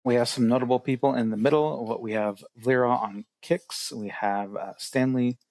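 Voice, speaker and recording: A man's voice: mid-range voice, steady tone, moderate pace, a little mellow, no echo. A man casting an online strategy game tournament, explaining rules with many fillers. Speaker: tournament organizer and caster. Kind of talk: casual game commentary.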